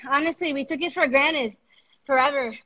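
A woman's voice: high voice, normal speed, sharp tone, dull audio. A woman co-hosting a live workout from her home garage over a video call, breathless and joking about the effort. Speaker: workout co-host. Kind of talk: casual chat during a workout.

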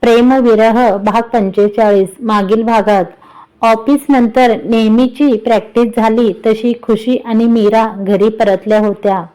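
A woman narrating a romantic serial story in a measured, even reading voice. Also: fairly high pitch, poor audio.

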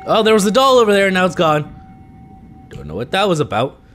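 A young gaming video creator with a high, somewhat bright voice talks fairly quickly, with huge pitch swings, as he nervously plays a horror game. He's congested from allergies, recording on a headset mic in a small home room with soft background music.

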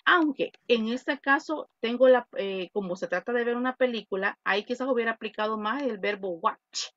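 A woman's voice: on the high side, normal speed, fairly bright tone, dry recording, dull audio. A woman English teacher with a Salvadoran Spanish accent, patiently explaining an online class and repeating her points.

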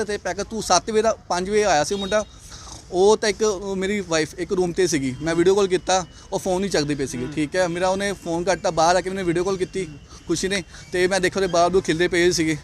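An agitated young man talks in a rapid torrent, his voice pitched high. He repeats himself as he answers reporters on the street, with a faint hiss of noise behind him. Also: fairly even intonation. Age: young adult. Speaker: interviewee. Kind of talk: street interview.

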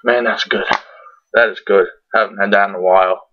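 This is a young adult man doing a laid-back, sweary, rambling tobacco product review, chatting casually to camera with a lip full of dip slightly muffling his speech. His voice is fairly low and steady, at a moderate pace. Recorded indoors in a small bedroom, the audio is dull and lo-fi from a computer webcam at arm's length.

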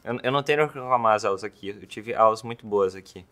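A man's voice: fairly low pitch, quick pace, a bit bright. A young man, an exchange student giving an interview testimonial, who often stumbles and repeats words as he starts. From southern Brazil. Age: young adult. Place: indoor campus building.

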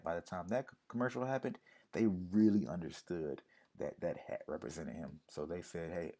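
Low, mellow-voiced man explaining casually. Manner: conversational, repeats key points for emphasis. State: losing his voice. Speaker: music marketing consultant.

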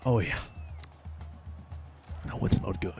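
A man commenting out loud on his own football video game, reacting excitedly to each play. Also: a little slow, loud music behind the voice. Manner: excitable, reacting to plays aloud. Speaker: gaming channel host.

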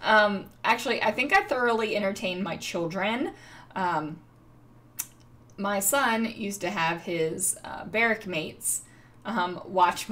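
A woman's voice: mid-range voice, pushed and bright. A middle-aged woman hosting a casual scrapbooking video, chatting in a rambling, self-amused way with many fillers. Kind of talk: casual crafting chat. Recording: far from the mic, faint noise.

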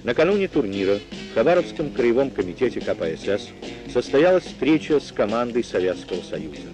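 A man's voice: medium pitch, very animated, fairly quick, low-quality recording. A man narrating an old newsreel in a formal, declamatory reporting manner. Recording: narration over loud music.

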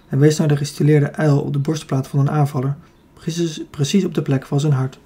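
Male Dutch audiobook narrator, mellow and slightly husky, even measured reading with small slips. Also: on the high side. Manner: steady reading with occasional slips and self-corrections. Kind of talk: scripted narration of a children's fantasy book.

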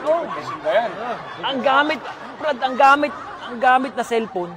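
High-voiced man telling a comic story. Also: measured pace, heavy background noise. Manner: animated, repeats lines for effect, laughs while telling. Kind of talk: comic storytelling to a laughing group. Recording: loud crowd laughter around him.

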